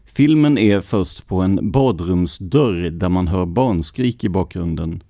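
A man hosting a true crime podcast, reading police records in a measured, scripted narration. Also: low-pitched, animated, dark tone, no room sound, clean studio sound. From Sweden.

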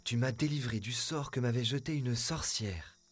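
A man playing a young prince freed from a spell, telling his story in an earnest, steady way. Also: mid-range voice, normal speed, slightly rough, lightly acted. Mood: grateful.

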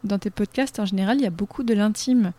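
A woman's voice: medium pitch, fast talker, dark tone, no room sound. A woman interviewing a fellow podcaster, asking short encouraging questions.

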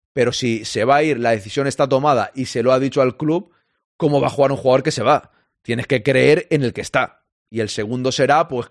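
A man's voice: medium pitch, no room sound. Man from Spain, football stream host: chatty, responsive to chat, dry close sound. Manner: chatty, reads out and answers listener comments. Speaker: podcast host reading listener chat.

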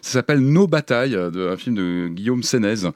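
A man talking casually as a podcast co-host, often pausing to search for words. His delivery is tentative and relaxed. The recording is dry and close to the mic. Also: lowish voice, no echo. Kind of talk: casual chat.

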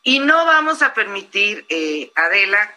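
A woman with a Mexican accent, speaking forcefully and emphatically as a guest in an interview. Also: mid-range voice, very animated, measured pace, low-quality recording.

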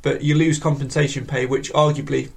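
A man hosting a football fan podcast, reading out viewer comments in a casual, halting way with many ums and restarts. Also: medium pitch, flat delivery, gravelly.

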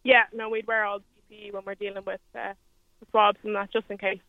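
A woman's voice: medium pitch, level tone, fast, no echo. An Irish woman chatting casually as a caller to a radio show over a muffled, narrow phone line. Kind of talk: casual chat. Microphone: phone call to radio.

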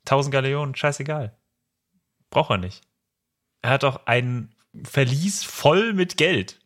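Animated, bright-voiced man chatting. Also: mid-range voice, slow. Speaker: podcast co-host. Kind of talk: casual chat.

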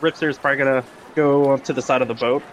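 A man playing a tabletop game, talking in a relaxed, rambling way. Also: mid-range voice, racing, slight background noise. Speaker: player. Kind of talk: casual game table chat.

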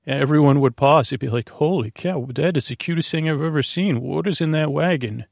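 Speaking briskly in a fairly high, darkish voice roughened by creak and vocal fry, a man hosts a bedtime sleep podcast. The close, dry recording has no room sound, and his rambling monologue is hesitant, with stammered repeats and tangents.

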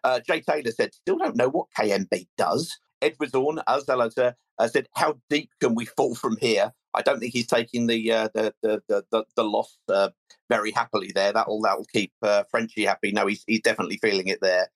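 A man's voice: lowish voice, brisk, rough recording. A man with a southern English, Surrey accent hosting a casual live football fan phone-in, often repeating words as he gathers his thoughts. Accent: Mid-Surrey, southern English. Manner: hesitant, repeats words mid-sentence. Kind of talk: casual live sports discussion.

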